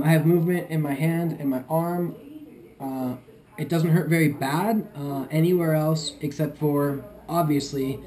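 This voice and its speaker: A man giving an unscripted video diary as a patient, talking in a halting, groggy, medicated-sounding way. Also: medium pitch, mellow. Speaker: patient recording a recovery vlog.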